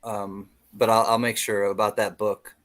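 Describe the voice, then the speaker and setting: A man's voice: on the low side, little pitch movement, normal speed, a bit bright. A man co-hosting a casual livestream, chatting in a friendly, slightly hesitant way. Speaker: livestream co-host.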